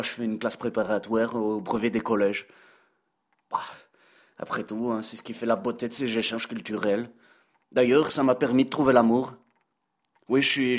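A man's voice: medium pitch, natural voice. A man playing a sarcastic, gossipy male French teacher with a Belgian accent, in a comic radio editorial full of "hein". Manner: teasing, sarcastic, peppered with "hein". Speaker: comic columnist.

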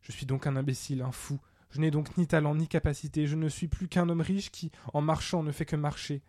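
Un homme jouant un vieux peintre exalté. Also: male voice, expressive, moderate pace, darkish tone, no room sound, studio quality, natural voice. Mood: despairing. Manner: declaiming, highly emotional. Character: old male painter, proud, then desperate.

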